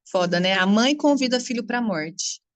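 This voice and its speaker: Frank, animated Brazilian woman, higher voice. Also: moderate pace, dry recording. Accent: Brazilian Portuguese. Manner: animated, frank, swears freely, laughs often. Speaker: spiritual coach teaching astrology. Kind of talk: casual spoken talk to an audience.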